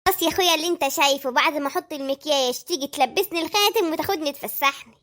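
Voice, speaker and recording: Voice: high voice, very fast, pushed and bright. صوت مؤدٍّ لـ زوجة مصرية مدللة بصوت حاد جدًا. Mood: demanding. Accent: Egyptian. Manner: whiny and coaxing. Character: fussy Egyptian housewife, spoiled and demanding.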